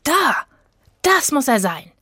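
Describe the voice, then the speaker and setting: A woman voices an eager, jumpy young storybook character. His voice jumps up high when he is excited. He sounds bouncy and easily startled. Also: slow, no room sound, clean studio sound, heavily acted.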